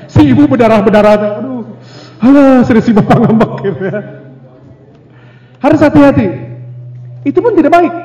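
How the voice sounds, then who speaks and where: A man giving a lively seminar talk on communication. He asks the audience questions and acts out little scenes. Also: very high voice, moderate pace, pauses often. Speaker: speaker on family communication. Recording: echoey hall, dull lo-fi sound.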